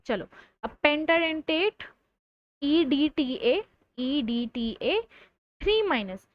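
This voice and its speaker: High-voiced playful woman teaching chemistry. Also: lively intonation, lo-fi sound. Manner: playful, teasing students between explanations; stretches out key terms slowly for emphasis. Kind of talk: live online lecture.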